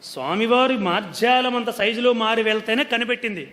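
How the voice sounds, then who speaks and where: A man's voice: extremely high pitch, a little fast, a bit bright. A man telling a sacred story as a religious discourse, explaining earnestly and coaxing his listeners, sometimes chuckling. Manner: explains earnestly, often coaxes listeners with "andi". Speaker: devotional storyteller. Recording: long hall reverb.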